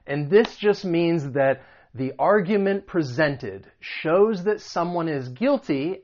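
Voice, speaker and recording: An American man teaching English pronunciation, patiently repeating example phrases slowly. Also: a little high, darkish tone, lo-fi sound. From United States. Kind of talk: explaining and demonstrating pronunciation.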